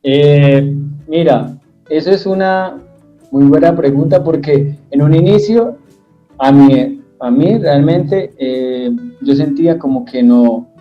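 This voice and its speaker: A young comedian with a Tolima Colombian accent, his voice a little high, is a guest in a casual at-home interview. The highs in the recording are cut off and soft music plays behind him as he reflects, jokes at his own expense, and says "eh" to fill pauses.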